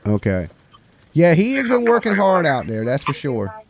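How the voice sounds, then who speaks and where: A man's voice: a little high, wildly swooping pitch, normal speed, background noise. A man with a Southern US hillbilly accent, chatting casually and rambling as the host of a live call-in stream.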